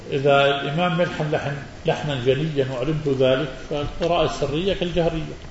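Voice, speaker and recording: A man giving a religious lesson and answering questions from listeners, his voice sitting a little high. He speaks with emphatic, animated stress, acting out mispronunciations. The recording is muffled and swims in heavy hall echo, with faint background noise. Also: fast talker.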